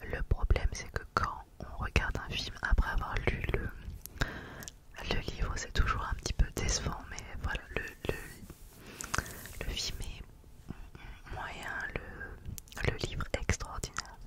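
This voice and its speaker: A woman giving an informal, somewhat hesitant ASMR book review in a soft library-style whisper. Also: slow pace, pauses often. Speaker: book reviewer, vlog host.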